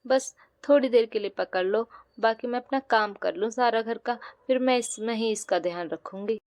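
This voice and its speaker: A woman voicing a busy young housewife in a doll-play bedtime story, talking briskly and reassuringly. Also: fairly high pitch, a little mellow, no room sound, studio quality, voice pushed down, natural voice. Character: busy young housewife, the elder sister-in-law.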